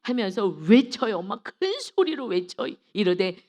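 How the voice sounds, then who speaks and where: A woman's voice: mid-range voice, very animated, measured pace, darkish tone. A woman pastor preaching a dawn devotional sermon with fervor, acting out the lines of biblical characters and calling for amens. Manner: fervent, acts out biblical dialogue, calls for amen.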